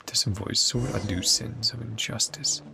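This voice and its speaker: Over game music, a woman muses casually about a video game she's playing, often trailing off before finishing a thought. Her very deep, gravelly voice stays fairly even in intonation at a normal speed, picked up by a close mic.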